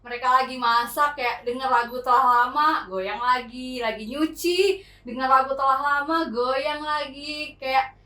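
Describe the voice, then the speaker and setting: A woman's voice: high voice, fairly even intonation, a little slow, bright, forceful tone, distant mic. A woman hosting a podcast, chatting in a bubbly, slangy way. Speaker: podcast host. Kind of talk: casual podcast chat. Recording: echoey room, voice from off-mic.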